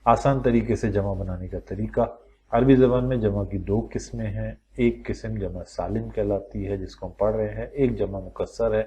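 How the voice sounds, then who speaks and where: A man teaching a Quran lesson, explaining step by step and posing questions to his students before answering them. He slows down and stretches out the words when he lists examples. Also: lowish voice, fairly even intonation, mellow, slight background noise. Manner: patient, explains step by step and asks questions aloud to the class; draws out word forms slowly when listing examples. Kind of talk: recorded teaching lecture.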